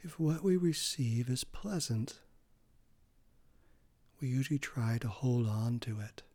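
A man leading a guided meditation in a calm, gentle way, his phrases often trailing off into a soft breathy hush. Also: mid-range voice, slow pace, no echo.

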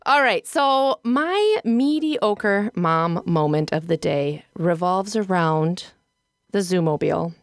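A middle-aged woman from South Dakota co-hosting a podcast, telling a rambling, animated story with frequent laughs and restarts. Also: fairly low pitch, slow, dry recording. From South Dakota, United States. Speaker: podcast co-host. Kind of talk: casual podcast chat.

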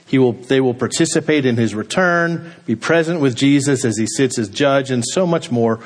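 A man preaching a sermon, slow and deliberate, letting his voice drop low and quiet at the end of each phrase. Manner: slow, deliberate delivery with dramatic drops in pitch and volume at phrase ends. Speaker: pastor.

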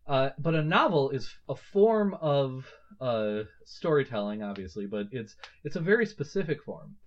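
A man in his thirties hosts a casual book-discussion podcast, thinking aloud at normal speed with a lively, medium-pitched voice and plenty of fillers and restarts. The audio is slightly muffled and lo-fi.

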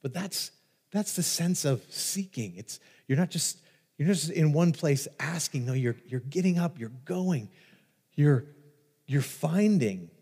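A pastor preaching a sermon, telling stories with lively restarts and repetitions. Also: male voice, on the high side, unhurried, slightly rough. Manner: animated storytelling with repeated restarts. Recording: long reverb of a large hall.

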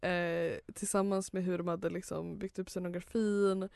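A woman's voice: fairly low pitch, level tone, gravelly, darkish tone, clean tone, dry recording, studio quality. Hesitant, easily laughing woman. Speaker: podcast co-host. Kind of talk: casual chat.

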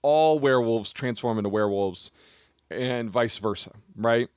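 A man co-hosting a podcast, talking in a lively, animated way and often laughing at his own jokes. His voice sits in an ordinary middle pitch. The recording is close and dry, with no room sound. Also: normal speed, clean tone, no room sound. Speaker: podcast co-host. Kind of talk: casual podcast chat.

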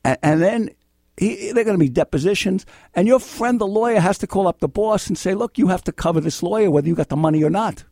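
A middle-aged American lawyer hosts a live call-in legal advice show from a radio studio. His high-pitched, mellow voice moves fast, and he speaks bluntly, repeating himself as he scolds in exasperation. The audio is studio quality with no echo.

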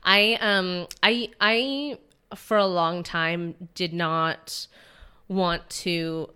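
A woman's voice: on the low side, steady tone, extremely slow, sharp tone, clear, resonant tone. A woman in her twenties, a podcast guest talking about her acting career in an earnest, rambling way, full of likes and restarts. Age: 20s. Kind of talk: casual podcast interview.

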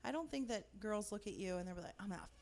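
A woman's voice: mid-range voice, animated, fast, darkish tone. A woman hosting a casual chat, asking direct, probing questions.

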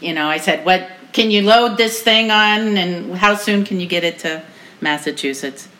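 A woman's voice: lowish voice, normal speed, pushed and bright, poor audio. A woman chatting casually in a matter-of-fact way, filling in details of a story. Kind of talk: casual conversation.

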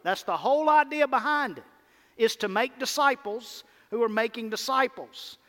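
A male pastor with a Mississippi drawl delivers a sermon in a high-pitched voice. He is emphatic, repeating key phrases and pausing deliberately, and his words ring with the long reverb of a big hall. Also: fairly bright tone. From Mississippi, United States. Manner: emphatic, repetitive, with deliberate pauses and call-and-response. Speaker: pastor preaching. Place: large church hall, preaching to a congregation.

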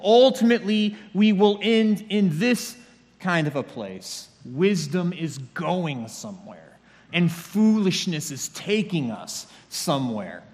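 A man's voice: high-pitched, animated, slow pace, a little mellow. A man preaching a sermon as a pastor, talking conversationally with dry humor. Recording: long reverb of a large hall.

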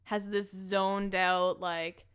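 Animated young woman with a smooth voice. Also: drawn-out words. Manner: emotional, animated retelling with sudden high-pitched quoted voices. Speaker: podcast co-host. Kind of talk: casual chat recapping a film.

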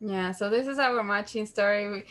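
A woman's voice: mid-range voice, normal speed, fairly bright tone. A young woman casually telling a personal story, hesitant, with many fillers and restarts.

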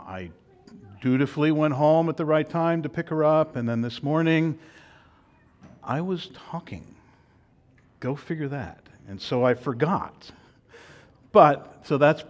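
Folksy older pastor, halting and warm-toned. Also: male voice, on the high side, animated. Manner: folksy, halting with many restarts. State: out of breath. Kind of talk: sermon.

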